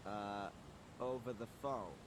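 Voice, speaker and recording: A man's voice: on the low side, slow pace, noisy background. A man playing a sceptical, guarded adventure game protagonist with a dry, sardonic way of talking. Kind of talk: video game voice acting.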